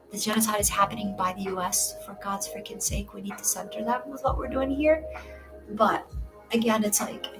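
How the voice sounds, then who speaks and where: A woman from Egypt gives tarot readings live and chats casually with her viewers. She is reassuring and calls them dear, and clear background music plays behind her voice. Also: mid-range voice. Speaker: tarot reader. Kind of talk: casual livestream chat.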